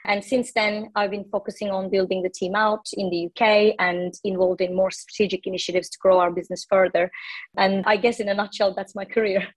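A woman in her forties from Turkey, answering interview questions in a measured, explanatory way with small restarts. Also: mid-range voice, level tone, poor audio. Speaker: podcast guest, banking executive.

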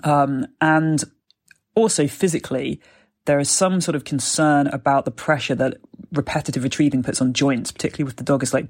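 Casting: British male podcast host and trainer, mid-pitched, conversational and explanatory, captured as a plain dictaphone recording on a phone. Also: darkish tone. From Britain. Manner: chatty, explanatory. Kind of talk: casual solo podcast talk. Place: parents' house. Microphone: mobile phone voice recorder.

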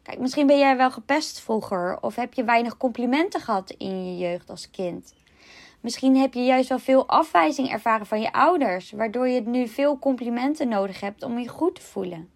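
A woman, a life coach explaining ideas calmly in a solo podcast, with self-mocking asides. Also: a little high, moderate pace, creaky.

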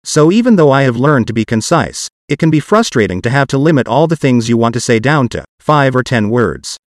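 Hosting a podcast, a male synthetic voice reminiscent of an old speech synthesizer reads scripted narration in an evenly articulated, mechanical way. It's mid-range, expressive and a little fast, captured in a dry, clean studio sound.

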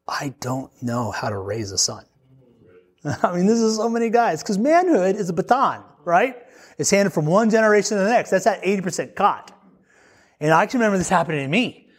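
A man's voice: sits high, very animated, brisk, slightly rough. A man preaching a sermon to young men in a casual, joking, conversational way. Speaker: pastor.

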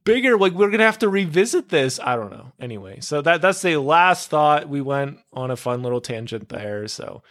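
A man's voice: a little high, big pitch swings, normal speed, hardly any pauses, fairly bright tone. A young man hosting his podcast alone, talking casually and going off on tangents, with lots of "like" and "dude.". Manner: rambling, goes off on tangents, full of "like" and "dude". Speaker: podcast host. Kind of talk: casual solo podcast monologue.

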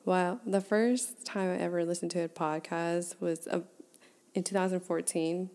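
A woman's voice: lowish voice, fairly even intonation, normal speed, darkish tone. A woman in her twenties hosting her own podcast, talking candidly and chattily and laughing at herself. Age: 20s. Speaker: podcast host. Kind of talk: casual solo podcast talk.

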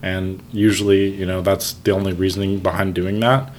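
A man talking casually and explaining things in a measured way. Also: low-pitched, little pitch movement. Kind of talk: casual explanatory panel chat. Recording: faint background noise.

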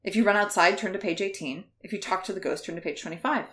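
A woman's voice: mid-range voice, fast, fairly bright tone. A woman co-hosting a comedy podcast, reading a children's horror book aloud with playful, dry banter. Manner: playful, dry jokes, laughs often.

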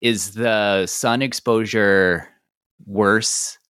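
A man co-hosting a casual podcast with a low voice. He thinks aloud in a rambling way with lots of fillers. The sound is dry and close. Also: fairly even intonation, very slow, a bit bright, clear, resonant tone, no room sound. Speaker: podcast co-host.

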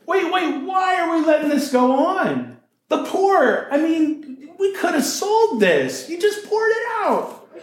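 A man's voice: sits high, very animated, takes it slowly, darkish tone, roomy sound, pitched above the performer's own voice, heavily acted. A preacher voicing an indignant, grasping male disciple who sputters out exclamations of protest.

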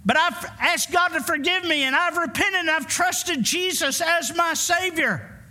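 Very high and sharp in tone, this man's voice stays unhurried as he preaches. He's a pastor in his 50s, emphatically delivering a call-and-response sermon in church and calling on the congregation to answer.

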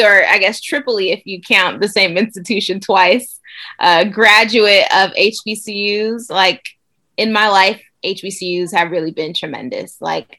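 Young woman guest from nigeria, bright voice, super excited, lots of ums. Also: medium pitch. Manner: enthusiastic, upbeat, frequent fillers. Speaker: guest, doctor. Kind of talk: interview answers.

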